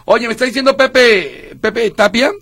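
A man's voice: extremely high pitch, unhurried, fairly bright tone, no echo. A man co-hosting a radio show, chatty and jokey, stumbling over his words now and then. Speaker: radio co-host. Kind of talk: casual radio banter.

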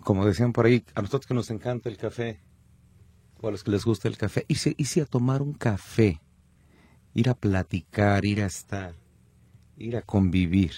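A man's voice: fairly low pitch, normal speed, warm tone, breathy edge, no room sound, studio quality. A man with a Mexican accent, a musician and theater director, chatting on a cultural radio show in a rambling, thoughtful way. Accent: Mexican Spanish. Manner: rambling, thoughtful, restarts often. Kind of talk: casual radio chat.

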